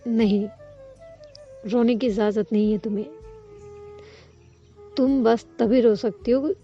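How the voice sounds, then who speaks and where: A woman's voice: fairly high pitch, steady tone, slow, highs cut off, soft background music. A woman voicing a caring, protective young woman who speaks in a tender, worried, coaxing way.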